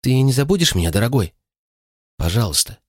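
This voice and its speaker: This is an affectionate, anxious young woman, voiced by a man reading the story. She speaks softly and pleads gently. The reading is dry and close. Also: mid-range voice, big pitch swings, fairly quick, dry recording, voice pushed up. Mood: tender.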